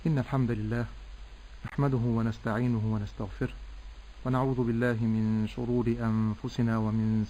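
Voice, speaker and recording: A man teaching correct Quran recitation, explaining pronunciation slowly and drawing out vowels to demonstrate. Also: mid-range voice, darkish tone, a little hiss or hum, poor audio. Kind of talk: tajweed lesson with recitation.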